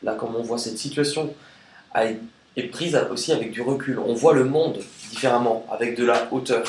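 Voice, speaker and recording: A man at an everyday pitch talks through a tarot spread in a relaxed, chatty way. His voice rings in an echoey room. A faint noise runs under it. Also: normal speed. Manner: chatty and relaxed, sings snatches of songs. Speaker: tarot card reader. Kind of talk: casual tarot reading video.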